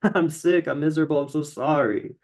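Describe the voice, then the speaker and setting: A man's voice: fairly high pitch, fairly quick, darkish tone, voice pushed up, natural voice. A man voicing a humbled, hungover male lion who pleads that he is sorry. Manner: pleading, apologetic.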